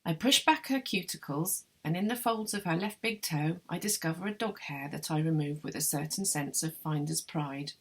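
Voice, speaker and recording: Woman reading literary fiction aloud, low voice, gravelly fry, husky edge, measured wry narration. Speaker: literary translator reading her translation. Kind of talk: literary reading of a novel excerpt.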